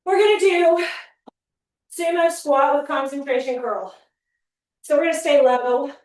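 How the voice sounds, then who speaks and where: A woman's voice: high-pitched, a little slow. A woman fitness trainer leading a home workout class, counting reps and giving upbeat cues while she gets out of breath. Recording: very echoey room, mic at a distance.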